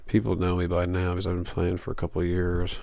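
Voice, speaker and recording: A man's voice: low-pitched, monotone, fast talker, creaky. A man chatting casually while playing an online game, rambling and swearing freely with lots of restarts, over a headset mic. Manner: rambling, profane, with frequent restarts. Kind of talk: casual gaming chat. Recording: dull, dry lo-fi mic audio.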